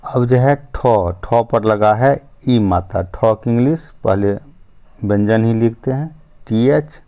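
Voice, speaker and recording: Patiently and slowly, an English teacher with a mellow, lowish male voice breaks down spelling step by step and repeats himself. He often uses the phrases "ठीक है" and "अब जो है".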